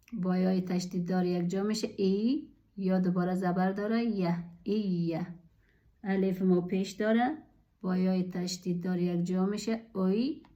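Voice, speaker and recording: A woman's voice: fairly low pitch, dark tone. A woman teaching Quran reading, patiently drilling each sound three times in a recitation lesson. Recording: dull lo-fi recording.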